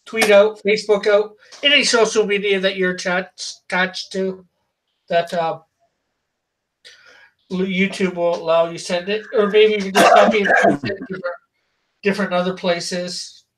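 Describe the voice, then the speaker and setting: A man hosts an informal livestream in a casual, conversational tone. His delivery is halting and unpolished, feeling its way from phrase to phrase. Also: high-pitched, flat delivery, fairly bright tone, recorded from a distance, rough recording. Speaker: host of an online comics art auction.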